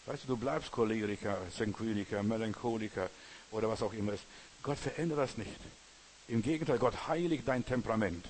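A man's voice: on the low side, a little fast, darkish tone, a little hiss or hum, poor audio. A man preaching a sermon in an earnest way, speaking straight to the listener and checking again and again that they follow. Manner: earnest, addresses listener directly with repeated "verstehst du".

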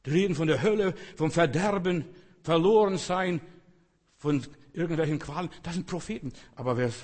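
A man's voice: fairly high pitch, breathy edge, long reverb tail. A man preaching a sermon in a conversational way, often turning to the listener directly. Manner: conversational, addresses listener with "weißt du".

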